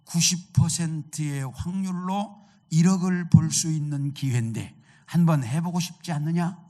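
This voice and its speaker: A man voicing a scheming male devil who tempts a young man, coaxing and taunting in a slow, fairly high voice. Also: warm tone, natural voice.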